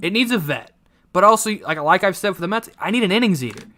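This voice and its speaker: Bright-voiced man running a draft. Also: sits high, expressive, fast talker. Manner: joking, counting down the clock. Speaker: host running a fantasy draft. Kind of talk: casual group chat.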